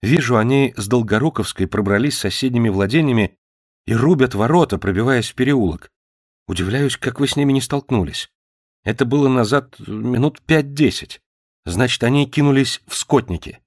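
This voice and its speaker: A man voicing a polite, careful gentleman homeowner who speaks quietly and with restraint in an audiobook. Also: medium pitch, moderate pace, no room sound, clean studio sound, pitched above the performer's own voice, natural voice.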